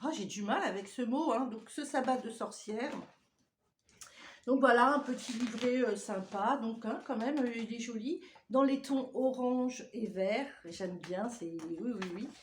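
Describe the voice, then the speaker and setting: A woman's voice: on the high side, measured pace, slight background noise. A woman vlogger chatting casually at home as she unboxes a parcel, rambling off on tangents and laughing often. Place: home indoors.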